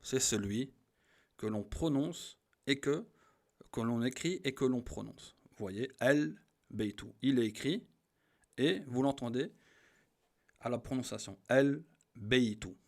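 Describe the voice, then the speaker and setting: Man, teacher, patient, slow repeated examples, mid-pitched voice. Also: expressive, darkish tone. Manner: patient, repeats each example slowly and stresses the Arabic words. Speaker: Arabic teacher. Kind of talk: grammar lesson.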